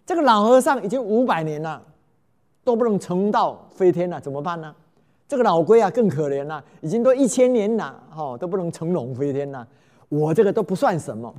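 A man's voice: high voice, fairly quick. A man telling a folk tale, exclaiming often and quizzing his listeners. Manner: animated, exclamatory, asks listeners questions. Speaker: storyteller.

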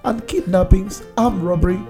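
A man's voice: high voice, moderate pace, dark tone, soft background music. A man with a Nigerian accent relaying and discussing news reports casually in Nigerian Pidgin mixed with English.

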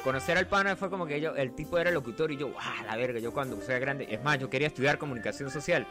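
A Venezuelan man hosting a podcast, chatting casually and telling animated, slangy stories with bursts of laughter. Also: medium pitch, fast, music in the background. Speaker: podcast host. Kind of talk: casual chat.

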